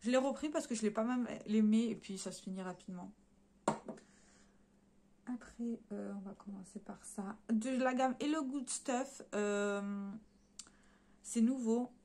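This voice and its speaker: A woman's fairly high, mellow voice comes through a bit slowly, with long pauses and slight background noise, as she chats about a beauty haul. Addressing her viewers while showing swatches, this vlogger often hesitates with fillers and corrects herself.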